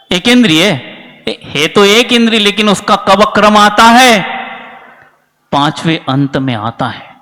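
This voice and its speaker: A monk preaches in a lively way. He keeps throwing questions at his listeners and acts out short exchanges. His voice sits high and sounds bright, and it rings on through a large hall. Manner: lively, asks the audience questions and acts out dialogues. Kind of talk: sermon. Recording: reverberant hall.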